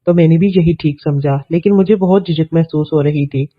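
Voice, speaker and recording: A man narrating a scripted story, reading steadily and evenly in a voice that sits fairly high for a man. The sound is narrow and tinny, like a phone line.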